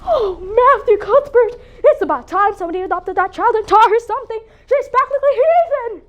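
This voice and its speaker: A woman's voice: extremely high pitch, lively intonation, brisk, muffled recording. A woman playing a stern, strict older spinster in a competitive interpretation piece, scolding and disapproving. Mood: brisk.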